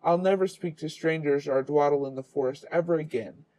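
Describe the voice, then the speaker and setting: A man's voice: on the high side, a little fast, warm tone, lightly acted, low-quality recording. A man voicing an innocent, polite little girl in a storybook, with an earnest, childlike manner. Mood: frightened.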